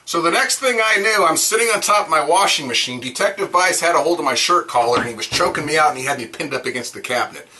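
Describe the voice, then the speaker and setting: Bright-voiced man telling his story. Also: on the high side, animated, quick pace, few pauses. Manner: plain, earnest storytelling with many fillers. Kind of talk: personal account to camera. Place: inside a house. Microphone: camera set up in the room.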